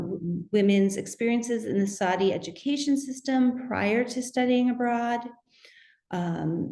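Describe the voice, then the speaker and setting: A middle-aged woman giving a conference presentation on her research, methodical and measured, with occasional fillers and restarts. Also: medium pitch, mellow. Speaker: academic researcher presenting at a symposium. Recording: roomy echo.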